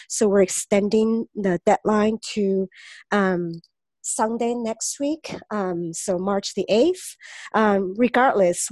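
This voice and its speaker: A woman's voice: medium pitch, darkish tone, no room sound. A woman announcing a mentorship program on a meeting call, her voice strained from a cold, with many fillers and trailing off.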